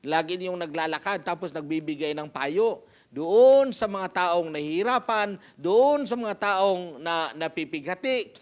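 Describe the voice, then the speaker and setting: A man's voice: high-pitched, lively intonation, measured pace. A male pastor preaching a storytelling sermon, often addressing the congregation as brothers and sisters.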